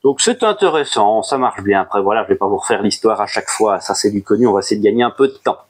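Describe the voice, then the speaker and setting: A man talking casually to camera as he reviews his monthly manga purchases, chatty and animated, with playful asides. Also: fast, slightly rough. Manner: chatty and animated, jumps up in pitch on new titles, playful asides. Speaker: manga collection YouTuber.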